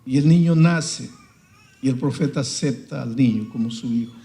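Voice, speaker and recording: Preacher guy, mid pitch, goes from hushed storytelling to loud cries, big echoey church sound. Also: moderate pace, gravelly. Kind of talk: sermon.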